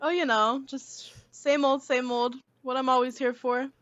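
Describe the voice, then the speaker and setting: A woman's voice: sits high, little pitch movement, a little slow, fairly bright tone, dry recording, lo-fi sound. A woman player doing casual in-character role-play in an easygoing, playful way.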